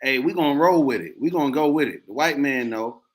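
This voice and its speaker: A man co-hosting a podcast in casual chat, talking in a relaxed, conversational way with many fillers. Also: mid-range voice, brisk. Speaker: podcast co-host.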